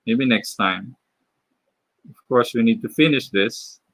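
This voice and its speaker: At home, a man from the Philippines whose first language is Filipino (Tagalog) chats casually on a live stream while he draws. He speaks with a Filipino accent, haltingly, with many fillers and restarts. His mid-range voice is fairly bright, with no echo.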